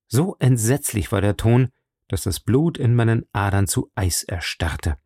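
A man narrates a story in a measured, dramatic manner. His voice sits low and carries a gravelly edge. The sound is dry and close to the mic. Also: animated, mellow, dry recording. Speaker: audiobook narrator. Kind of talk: scripted narration.

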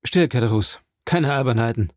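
A man's voice: medium pitch, animated, moderate pace, a little mellow, no echo, studio quality, close to an everyday voice. A man voicing a cold, guarded young male impostor who answers curtly, in a storybook reading. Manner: curt, guarded.

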